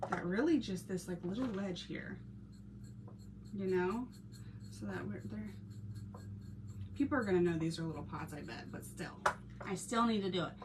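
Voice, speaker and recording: A woman with a Texan accent chatting casually on a live stream while she paints crafts, laughing often and greeting viewers by name. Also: medium pitch. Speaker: craft channel host reading live chat. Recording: noisy background hiss.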